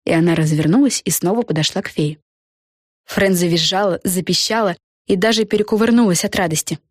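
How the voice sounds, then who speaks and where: A woman reading a children's storybook aloud in an expressive, measured manner. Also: on the low side, dry recording, clean studio sound. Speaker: audiobook narrator. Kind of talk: storybook narration.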